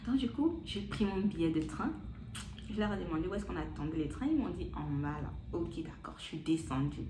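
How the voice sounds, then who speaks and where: A young woman tells a personal story in a loose, chatty vlog style, leaning on fillers like "donc, du coup". Her voice sits fairly low. The room sounds echoey, with a faint hum of background noise. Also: expressive, fairly quick. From Gabon. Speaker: vlogger. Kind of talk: casual storytelling.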